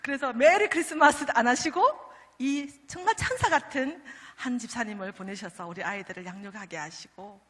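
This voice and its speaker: A middle-aged woman, a pastor's wife, telling an animated church testimony and acting out quoted prayers, with English words mixed in. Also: fairly high pitch, normal speed. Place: church sanctuary. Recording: church hall reverb.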